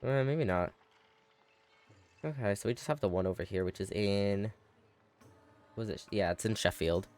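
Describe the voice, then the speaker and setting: A man's voice: lowish voice, normal speed, long pauses, darkish tone. Chatty male game streamer thinking aloud. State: yawning, tired. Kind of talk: casual live gameplay commentary.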